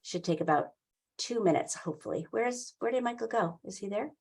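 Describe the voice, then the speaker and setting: An older woman giving an informal, halting explanation as a staffer in a meeting over a video call. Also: medium pitch, lively intonation, a little mellow. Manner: halting, explanatory, with frequent pauses mid-phrase. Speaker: town wetlands staffer running a public meeting. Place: indoor room, on a video call. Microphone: computer mic on a video call.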